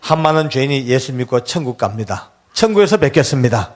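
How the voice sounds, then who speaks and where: A calm, loving young man facing execution, speaking softly and tenderly, as a preacher quotes him in his testimony. His voice is a little lower and quieter than the storyteller's usual voice. He sounds reassuring rather than afraid. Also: quick pace, natural voice. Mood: solemn.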